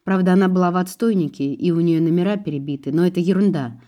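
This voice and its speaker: A woman reading the part of a young man, a car thief in love, speaking softly and apologetically. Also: on the low side, fast talker, natural voice. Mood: remorseful.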